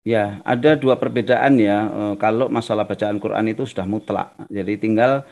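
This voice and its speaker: A man's voice: lowish voice, fairly even intonation, moderate pace, vocal fry, a little mellow. A man giving a religious talk over a video call, answering questions in a folksy way with everyday examples. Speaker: religious teacher. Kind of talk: online Q&A sermon.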